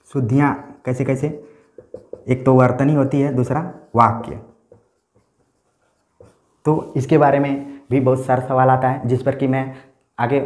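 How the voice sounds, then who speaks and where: A man's voice: medium pitch, darkish tone. A man teaching an exam-prep lecture, explaining step by step and often checking in with his students. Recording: echoey room.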